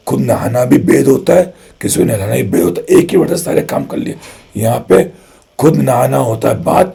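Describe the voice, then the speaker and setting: A man's voice: mid-range voice, creaky, husky. A man with an Indian accent teaching spoken English, who explains patiently, repeats his key phrases and keeps asking rhetorical questions. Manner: chatty and lively, asks rhetorical questions.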